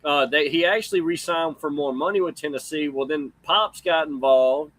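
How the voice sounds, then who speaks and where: A man's voice: a little high, moderate pace, a bit bright, no room sound. A man with a folksy drawl, casually chatting about sports as a co-host.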